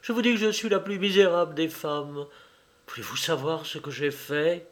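A man's voice: on the high side, moderate pace, voice pushed up, lightly acted. A man voicing an anxious, remorseful society lady who pleads and confesses in a raised voice. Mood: anguished.

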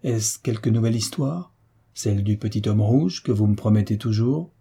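Narrator doing a blustering old sailor commander, dark husky tone, storybook. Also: male voice, fairly low pitch, normal speed, exaggerated voice. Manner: blustering, cursing mildly. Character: gruff genial old retired sea captain.

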